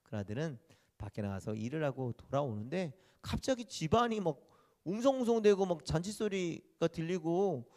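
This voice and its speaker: A man's voice: fairly high pitch, big pitch swings, moderate pace, a little mellow. Male pastor preaching with acted-out voices. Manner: storytelling, acting out the characters' voices in turn; asks the congregation questions and answers them himself. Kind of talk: sermon.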